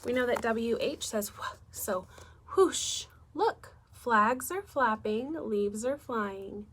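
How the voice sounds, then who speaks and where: Taking it slowly, an elementary school teacher reads aloud to young children in a fairly bright, high-leaning voice with lively intonation. She's instructive and asks them questions often. Slight background noise is present.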